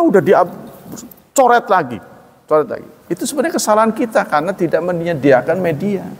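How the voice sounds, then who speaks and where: A middle-aged male preacher giving an easygoing religious talk with a fairly high voice. He asks the crowd rhetorical questions and plays out small exchanges in different voices. A long reverb hangs on his voice in a large hall. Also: creaky, husky. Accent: Indonesian. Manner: animated, rhetorical questions, acts out little dialogues. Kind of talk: conversational religious lecture. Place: mosque or lecture hall.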